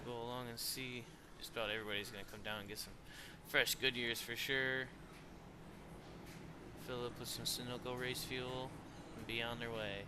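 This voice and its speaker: A tired man giving play-by-play commentary on a sim race, steady in his calls and rising when the racing gets close. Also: mid-range voice, normal speed, background noise. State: tired, yawning.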